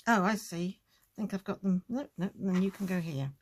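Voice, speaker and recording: A woman's voice: medium pitch, moderate pace, darkish tone. A woman hosting a casual crafting tutorial, chatting and thinking aloud as she works.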